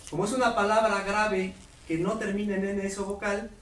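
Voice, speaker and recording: High-voiced man lecturing in a roomy hall. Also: brisk. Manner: lively, asks the audience questions. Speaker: workshop lecturer. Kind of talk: lecture to teachers. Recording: roomy hall audio from far off, faint noise.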